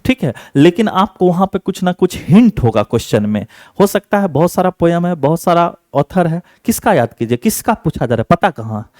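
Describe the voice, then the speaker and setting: A male teacher running an exam-prep class, repeating each answer slowly and checking again and again that students have it memorized. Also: fairly high pitch, very animated, a little mellow, no room sound, studio quality. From Bihar, India.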